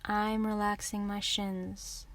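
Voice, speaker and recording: With little movement in her mid-range pitch, a woman guides listeners through a relaxation meditation as a yoga teacher. Her instructions are calm, gentle, and unhurried.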